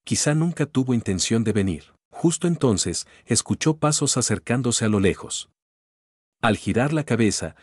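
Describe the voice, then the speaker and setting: Male audio novel narrator, low and husky, dry close sound, steady measured delivery. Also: no echo.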